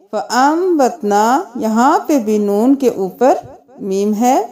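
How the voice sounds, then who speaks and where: A woman teaching tajweed, with a high, mellow voice, spells out the letters and vowels before moving into a slow, melodic recitation.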